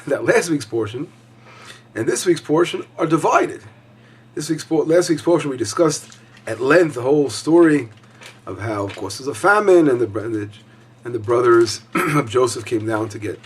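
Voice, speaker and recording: A rabbi with a hoarse, somewhat high voice teaches a weekly Torah lesson. He speaks conversationally, with frequent fillers and restarts.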